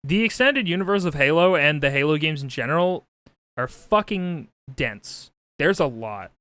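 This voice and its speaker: A man's voice: a little high, lively intonation, moderate pace, fairly bright tone, smooth, dry recording. A man streaming a video game, chatting casually in a rambling, wry, sweary way. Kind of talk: casual game commentary and chat. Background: game music.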